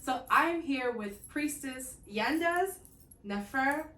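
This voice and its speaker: A woman's voice: high voice, lively intonation, takes it slowly, pushed and bright, slight background noise. A woman hosting an interview, speaking in an enthusiastic, upbeat manner. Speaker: host, interviewer. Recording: echoey room, far from the mic.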